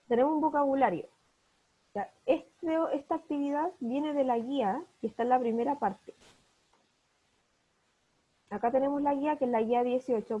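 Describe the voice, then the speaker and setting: Woman teacher, mellow and breathy, patient step-by-step explainer, on a muffled video call. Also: high-pitched. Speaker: primary school teacher. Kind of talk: online class explanation.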